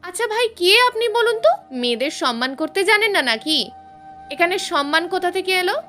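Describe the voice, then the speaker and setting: A woman's voice: extremely high pitch, normal speed, soft background music, pitched above the performer's own voice. A woman voicing a hot-tempered, quarrelsome young college girl. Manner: sharp and quarrelsome.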